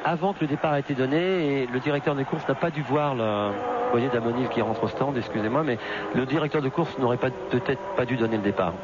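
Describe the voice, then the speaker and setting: A man's voice: mid-range voice, fast talker. A man co-commentating on a live motor race as an analyst, explaining what is happening. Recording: muffled broadcast, very loud engine noise.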